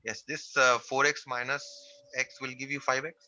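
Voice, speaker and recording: A man's voice: medium pitch, little pitch movement, normal speed, pushed and bright, no room sound, muffled recording. A man teaching a math class online, working through a percentages problem step by step and repeating the key phrases.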